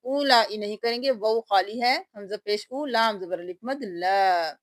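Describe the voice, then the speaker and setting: A woman teaching Quran reading in a tajweed lesson, spelling out each letter and then reciting the word slowly and drawn out. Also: medium pitch, no echo.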